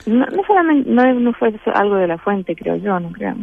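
A woman's voice: mid-range voice, big pitch swings, normal speed, vocal fry, faint music behind. A Chilean woman with a Chilean Spanish accent, a guest in a spiritual interview, who talks hesitantly with many fillers and restarts. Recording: tinny phone-line sound.

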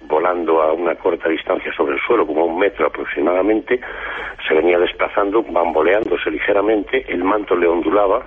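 A man, a guest author on a radio talk show, recounting events slowly with frequent hesitations, speaking. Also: low-pitched, husky. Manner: slow, measured recounting with hesitations. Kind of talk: radio interview, storytelling. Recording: lo-fi phone-like radio line.

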